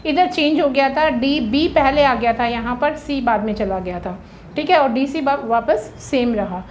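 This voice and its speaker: High-voiced Indian woman teaching exam prep. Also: a little hiss or hum. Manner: explanatory, drills rhyme schemes slowly letter by letter; often checks with "ठीक है".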